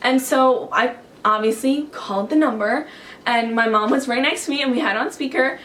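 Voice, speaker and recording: Woman vlogger, higher-pitched voice, excitable and chatty, talking to camera at home. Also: moderate pace, a little hiss or hum. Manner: excitable and chatty, heavy use of "like". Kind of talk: casual storytelling to camera.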